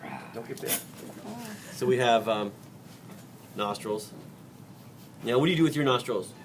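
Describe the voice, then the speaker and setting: At a measured pace and in a mid-range voice, a man leads a dissection in biology class, cracking jokes, chatting and firing questions at students. A far-off microphone records him in a noisy room.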